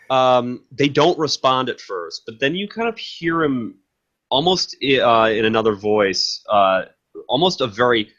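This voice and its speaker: A man narrating a tabletop game as game master, improvising and often halting to search for words. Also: fairly low pitch, pushed and bright, lo-fi sound.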